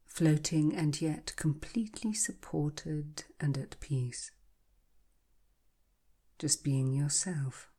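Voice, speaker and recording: Slow, soothing, breathy woman guiding hypnosis. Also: sits low. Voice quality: breathy, soft. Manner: slow, soothing, hushed and half-whispered, as if easing into a countdown. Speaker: hypnotherapy guide. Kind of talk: guided hypnosis relaxation, scripted narration.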